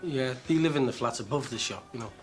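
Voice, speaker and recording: A man's voice: medium pitch, fast, soft background music, lightly acted. An actor playing a cheerful, cocky working-class man with a Liverpool accent, full of jokey banter. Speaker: best man. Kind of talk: TV soap acting.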